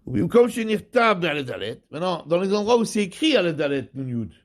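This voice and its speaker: A man gives a rabbinic study lesson in a fairly high voice. He explains step by step, pausing, repeating and rewording each term for his listeners. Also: sing-song. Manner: explains slowly, repeats and rephrases terms.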